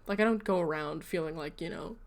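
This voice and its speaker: A woman's voice: lowish voice, brisk. A woman hosting a casual livestream, explaining at length to her viewers in a chatty, rambling way, with self-deprecating asides. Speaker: livestream host.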